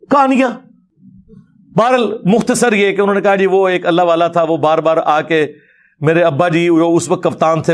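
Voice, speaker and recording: A man as a religious scholar, giving a direct and argumentative rebuttal in a lecture. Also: a little high.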